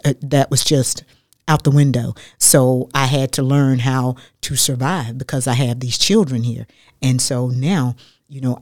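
A woman, a radio guest telling her life story in an animated, chatty way that repeats phrases for emphasis. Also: rumbling low, no echo, clean studio sound. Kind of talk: casual storytelling interview.

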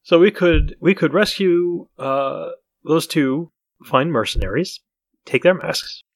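A man's voice: on the high side, slow pace, no echo. A man playing a tabletop game, proposing plans with a dry, joking manner. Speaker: player. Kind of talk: casual play chat.

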